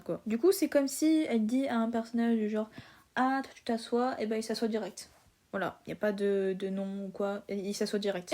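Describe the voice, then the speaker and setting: A woman with a slightly high voice recaps a story for her channel. She talks in a loose, slangy way and swears freely as she goes. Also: darkish tone. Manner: chatty, slangy, swears and laughs while retelling. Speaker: YouTuber.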